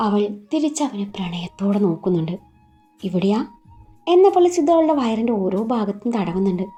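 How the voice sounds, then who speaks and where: A woman narrating a romance story in a steady, even reading voice. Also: mid-range voice, fast talker, soft background music.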